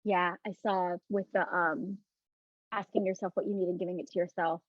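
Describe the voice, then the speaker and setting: A woman leads a live online self-love talk with breathing cues and viewer questions, sometimes soft and reassuring, slowly repeating phrases for emphasis, sometimes loose and chatty with plenty of "like" and restarts. Her fairly low voice is level in tone, and the recording is dry and muffled.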